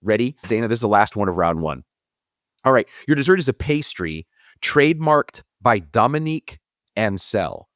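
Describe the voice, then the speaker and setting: Lively, playful man hosting a trivia show. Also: on the low side, no room sound, clean studio sound. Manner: playful, chatty, quick asides. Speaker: quiz host. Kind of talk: hosting a comedy trivia podcast.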